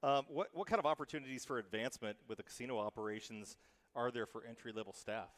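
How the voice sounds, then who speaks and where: A man hosting a football pregame show, interviewing a guest in a brisk, joking manner. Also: mid-range voice, a bit bright. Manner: brisk, joking, reads questions.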